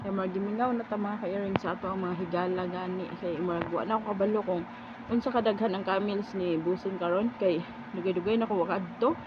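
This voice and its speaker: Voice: mid-range voice, steady tone, fast talker. A vlogger walking around a farm with animals, chatting casually, teasing and joking and calling out to the animals. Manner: playful, teasing, jokes and then takes it back, calls out to animals. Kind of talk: casual vlog narration while walking around. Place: outdoor farm with camels, goats and birds. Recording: windy, dull outdoor phone audio.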